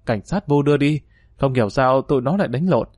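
A man's voice: medium pitch, animated, a little fast, a little mellow, dry recording, natural voice. Young gambling lookout, chatty and rambling, man reading, dry sound. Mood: excited. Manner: rambling storyteller.

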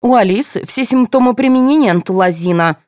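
A woman's voice: on the high side, lively intonation, fairly quick, a little mellow, no echo, clean studio sound, pitched above the performer's own voice, natural voice. A woman reading an audiobook, voicing a spiteful mother who sharply accuses a rival. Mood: accusing.

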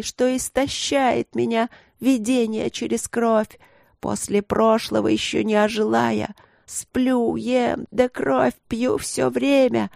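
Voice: medium pitch, creaky, a little mellow, no room sound, clean studio sound, voice pushed up. A reader putting on a wailing ancient priestess. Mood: pleading. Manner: pleading, wheedling, slow drawn-out wailing. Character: ancient bloodthirsty wailing old priestess woman.

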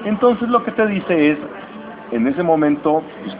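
A man with a Mexican accent, a comics podcast host, casually retelling a comic's plot in a slangy, animated way and briefly acting out characters' lines. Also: a little high, music in the background. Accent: Mexican Spanish. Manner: animated, slangy, acts out lines in quick voices. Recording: dull lo-fi recording with steady noise.

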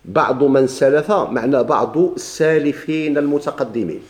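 A man's voice: mid-range voice, normal speed. A man with a Moroccan Arabic accent teaching a grammar lesson, asking his class questions and answering them himself while he repeats the key points.

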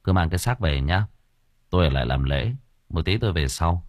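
A man voicing a calm, commanding young male exorcist who gives curt orders. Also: low-pitched, a little fast, no room sound, clean studio sound. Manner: brusque, commanding.

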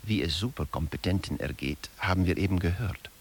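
A low-pitched man speaks briskly as a pedantic lecturer in a satirical radio play, emphatically summarizing findings in scripted narration. A little hiss or hum is audible.

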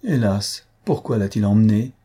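A man's voice: fairly low pitch, normal speed, mellow, husky. A man reading the part of a distraught young wife, in a raised, pleading and cutting tone. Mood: anguished. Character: young wife, anguished and bitterly defiant.

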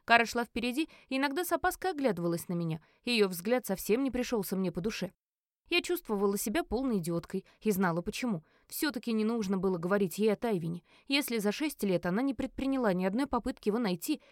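A woman narrating a first-person fantasy novel as an audiobook, with an expressive, emotional delivery. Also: medium pitch, no echo, studio quality.

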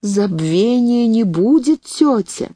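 A woman's voice: on the high side, lively intonation, slow pace, dark tone, dry recording, pitched above the performer's own voice. A woman reading the part of a despairing young woman begging her aunt for help, raised and pleading. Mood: quiet resolve.

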